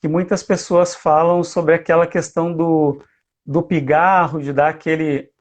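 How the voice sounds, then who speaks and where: A man with a voice pitched a bit above most men hosts a live interview. He puts his questions in a relaxed, conversational way. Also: measured pace. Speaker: host interviewer.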